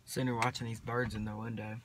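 A teenage boy, rambling casually to his phone camera from inside a parked truck, mumbling in a laid-back drawl with long pauses. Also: mid-range voice, level tone, background noise. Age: teens. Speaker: vlogger. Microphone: phone camera at arm's length.

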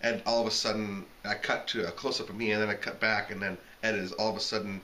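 A young man from Canada in casual, animated banter, ranting with exasperation about his own film. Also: on the low side, fast talker, a little hiss or hum. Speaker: filmmaker in home sketches.

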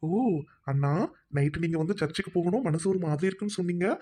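A woman voicing an earnest young man who speaks softly and respectfully in an amateur skit. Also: fairly low pitch, quick pace, close to an everyday voice. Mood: gentle. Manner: soft, respectful.

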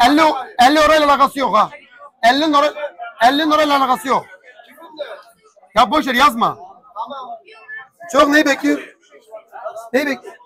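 A young man, working as a pigeon auctioneer. He calls out bids over and over, pleads for quiet, and his throat is strained from shouting. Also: very high-pitched, moderate pace, long pauses. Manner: loud, repetitive price calling, pleading for quiet. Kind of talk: calling bids at a live auction.

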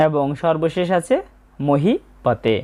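A woman teaching how to pronounce Sanskrit verses, breaking words into single sounds and drawing them out slowly as she recites. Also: low-pitched, sing-song, dark tone. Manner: slow, deliberate, spells out sounds one by one. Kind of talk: pronunciation lesson on Sanskrit verses.

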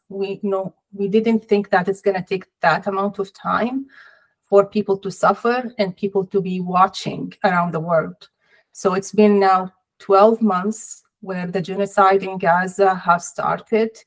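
A middle-aged woman talks over a video call from a small room. She speaks as an interview guest in a measured, sorrowful way, pausing often between thoughts. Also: medium pitch, flat delivery, poor audio. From Palestinian, family in Jordan. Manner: measured, sorrowful, deliberate pauses. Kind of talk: personal interview. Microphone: laptop or webcam on video call.

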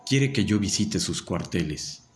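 A man voicing a condemned father facing death, grave, measured and calm. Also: deep voice. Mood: stoic. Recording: voice over loud music.

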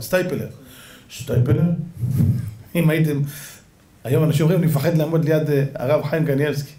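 A man's voice: high-pitched, a little mellow. A man giving a religious lecture as a rabbi, telling stories animatedly and acting out voices. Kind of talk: lively religious lecture to an audience. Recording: echoey room.

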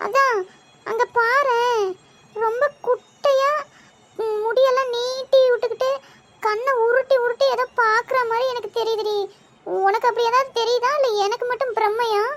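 A woman's voice: very high-pitched, fairly even intonation, quick pace. A woman voicing a nervous but bossy young village woman in a cartoon, scolding and fretful. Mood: hushed fear. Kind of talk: cartoon voice acting.

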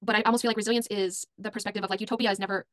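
A woman in her forties explains ideas at a quick pace, thinking aloud with frequent ums. She speaks over a laptop video call, and the sound is dry and close. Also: mid-range voice, steady tone, no room sound. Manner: thoughtful, explanatory, many ums. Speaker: panelist, biomimic. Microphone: laptop webcam video call.

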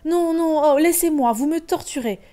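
A distressed young woman pleads in broken phrases, as a woman reading a novel aloud puts her on. The voice sits higher than the reader's own and is warm and soft-toned. The effect is of a classroom reading. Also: normal speed, natural voice. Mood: pleading. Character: grieving young woman shop clerk, pleading.

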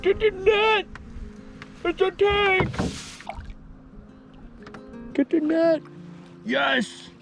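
A Canadian man hosts a fishing vlog from a canoe on a river, chatting excitedly and casually to his viewers. His voice is very high and very slow, with vocal fry and long pauses. It's recorded on an action camera mounted on the canoe, with music under his voice.

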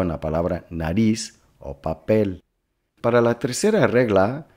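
A male Spanish teacher in a scripted lesson, explaining slowly and carefully and breaking words into syllables, fond of his students. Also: low voice, a little mellow. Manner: affectionate toward students.

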